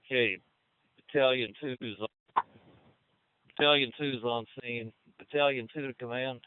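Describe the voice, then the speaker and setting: A man with a clear, middle-pitched voice works the firefighter radio as battalion chief. The transmission is dry and squeezed into a narrow band. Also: steady tone, measured pace, no room sound. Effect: two-way radio transmission.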